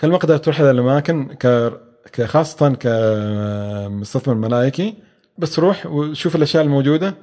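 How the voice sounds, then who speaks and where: A man's voice: mid-range voice, lively intonation, quick pace, dark tone. A man answering interview questions, with many hesitations and restarts. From Oman. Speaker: guest, venture capital expert.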